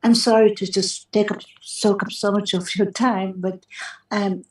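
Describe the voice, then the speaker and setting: A woman's voice: mid-range voice, fairly even intonation, unhurried. A woman from Hungary, a caller in an online webinar, who speaks hesitantly, stammering and restarting. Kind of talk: casual chat on a video call. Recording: echoey, distant video-call audio.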